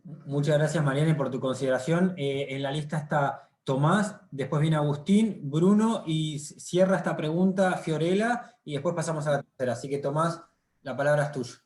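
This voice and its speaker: Polite Uruguayan moderator in an echoey room. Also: male voice, fairly high pitch, moderate pace, a little mellow. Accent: Uruguayan Spanish. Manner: polite, with hesitant fillers. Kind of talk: moderating a video-call panel. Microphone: video call.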